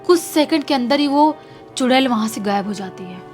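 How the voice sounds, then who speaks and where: A woman with a fairly high voice tells a horror story dramatically, sinking into a hush when the tension builds. Faint music sits under her voice. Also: animated, moderate pace. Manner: dramatic, hushed at tense moments.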